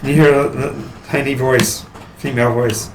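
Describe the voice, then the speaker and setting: A man improvising narration as game master of a tabletop game, often halting and repeating his words. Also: mid-range voice, level tone, rough recording. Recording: faint background noise and clicks.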